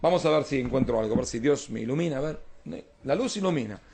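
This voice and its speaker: A man's voice: medium pitch, expressive, quick pace, vocal fry, darkish tone, a little hiss or hum. A man, a rabbi, teaching an informal Talmud class, explaining texts and often checking that his students follow.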